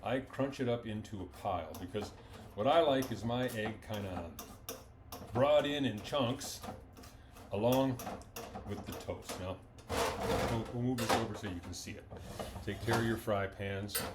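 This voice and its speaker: A man's voice: lowish voice, noisy background. Folksy man demonstrating cooking. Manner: folksy, enthusiastic, talks with mouth full while eating. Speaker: home cooking vlogger. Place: home kitchen.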